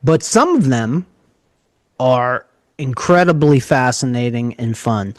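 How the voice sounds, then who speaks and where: A man with a New York area accent, co-hosting a casual podcast and telling stories in an animated, joking way. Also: mid-range voice, slow, no room sound. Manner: animated storyteller, jokey. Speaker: podcast co-host.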